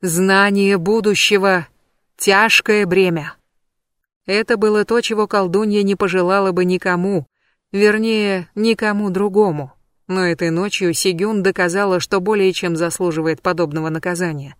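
A woman narrates a dark fantasy audiobook in a measured, dramatic reading. Her voice sits at an ordinary middle pitch. The recording is dry and close, with no room sound. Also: steady tone, no room sound. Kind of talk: scripted narration.

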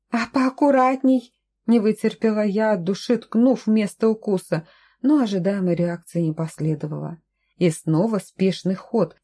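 Brief: woman audiobook narrator, first-person storybook reading, mid pitch, dark warm tone.

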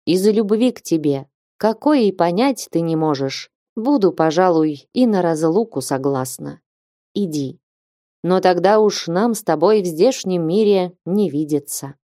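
A woman reading an audiobook and voicing an elderly abbess who speaks in a slow, grave, measured way. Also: lowish voice, lively intonation, dark tone, no echo, clean studio sound. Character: stern but loving elderly abbess.

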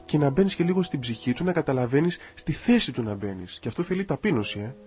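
A man's voice: on the high side, expressive, darkish tone, soft background music. A man who is a priest, giving a spoken sermon to parents in an earnest, pleading way, repeating key phrases for weight.

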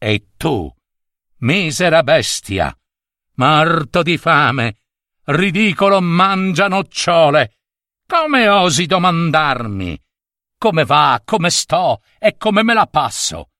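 A man's voice: on the high side, very animated, takes it slowly, bright, forceful tone, no echo, clean studio sound, exaggerated voice. A man voicing a vain, scornful female fox witch in a storybook tale, speaking in a haughty, contemptuous way.

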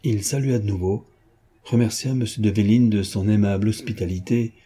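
A man narrating a classic novel as an audiobook in a measured, steady storytelling manner. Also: lowish voice, breathy edge.

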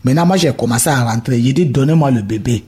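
A man from Burkina Faso telling his conversion testimony in an interview, halting and repeating himself as he acts out the dialogue. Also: medium pitch, warm tone, slightly rough. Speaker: guest giving a conversion testimony. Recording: radio studio.

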